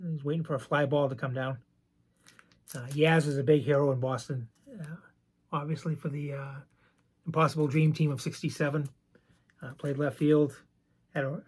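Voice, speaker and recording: A man with a gravelly, slightly high-pitched voice, roughened by medication, hosts a channel as a vintage card collector. He's relaxed and chatty, doing a casual show-and-tell about baseball cards and wandering off into side stories.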